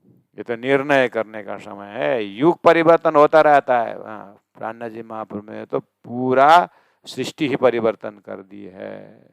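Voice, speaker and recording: A male religious teacher giving a scripture discourse, chanting verses slowly and explaining them with emphatic, rising questions. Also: mid-range voice, vocal fry, clean tone, no echo.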